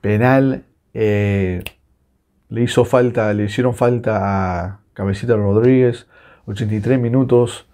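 A Uruguayan man with a Rioplatense accent, reacting live to a football match with excitable, swearing rants. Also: fairly low pitch, a little slow. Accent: Rioplatense Spanish. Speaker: football fan reacting on his channel.

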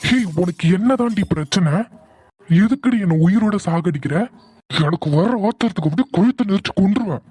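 A hot-tempered young husband from a cartoon, voiced by a man who scolds and gives orders. His voice is husky and dark, set a little high. It is recorded dry and close. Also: lively intonation, a little fast, no room sound. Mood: angry. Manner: scolding, commanding. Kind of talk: cartoon voice acting.

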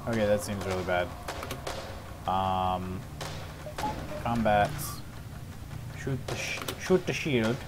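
A man's voice: lowish voice, slow, pauses often, noisy background. A young man giving casual, sweary live commentary as he streams a game, often muttering to himself. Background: video game music.

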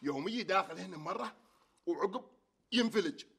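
An actor playing a loud, touchy man who bickers and takes offence easily, in a TV comedy sketch. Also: sits high, animated, fairly quick, creaky, breathy edge, full character voice. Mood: explaining. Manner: indignant, bickering, laughing at others.

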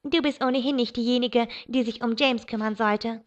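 A woman's voice: a little high, fairly even intonation, normal speed, close to an everyday voice. A woman reading the part of an agitated, stressed teenage girl. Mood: weary. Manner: agitated, raised voice. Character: excitable teenage girl, stressed younger sister. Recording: dull lo-fi recording.

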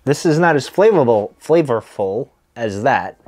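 A man's voice: medium pitch, lively intonation, measured pace, a little mellow. A man in his thirties chatting casually to the camera as he reviews tobacco, laid-back and hesitant, trailing off between puffs on a cigar. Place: small wood-paneled room, indoors.

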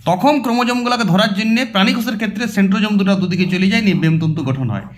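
High-voiced, fast-talking male teacher. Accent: West Bengal Bengali. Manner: explains by asking and answering his own questions; repeats terms while writing on a board. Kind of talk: exam-prep biology lesson.

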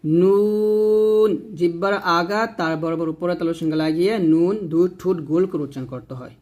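A man, teaching Quran reading slowly, drawing out each letter name and then explaining how it is said. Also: fairly high pitch. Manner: drawn-out letter names, then plain explaining. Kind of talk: slow step-by-step recitation lesson.

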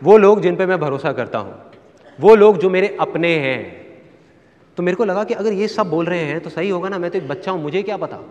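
A man telling a personal story to a live seminar audience, animated and acting out his family members' voices. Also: high-pitched, a little fast, muffled recording. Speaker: motivational speaker. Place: stage in a hall with a live audience. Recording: long hall reverb.

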